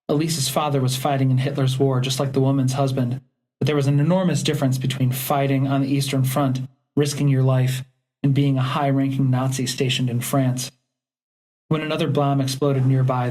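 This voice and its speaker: A man narrating a historical audiobook in a steady, measured reading. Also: medium pitch, low-quality recording. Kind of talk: scripted narration.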